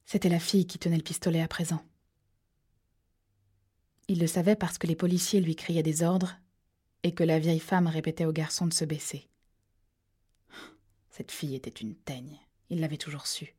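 A woman narrating a thriller audiobook in a steady, measured storytelling voice that drops to hushed tones at tense moments. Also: sits low, breathy edge.

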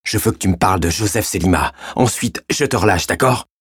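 A man's voice: deep voice, fairly quick, husky, no echo, clean studio sound. A man voicing a tough male gendarme who presses a suspect for answers in a raised voice. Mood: pressing.

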